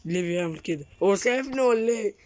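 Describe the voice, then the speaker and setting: A man with an Egyptian accent, hosting a gaming channel and narrating a horror game, jumpy and quick to yelp and repeat words when startled. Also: high voice, animated, a little mellow. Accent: Egyptian Arabic.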